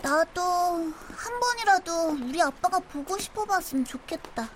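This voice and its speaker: Teasing schoolgirl daughter, radio drama, very high voice. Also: animated, measured pace, noisy background. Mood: cheeky. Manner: cheeky, teasing. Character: sharp-tongued schoolgirl daughter.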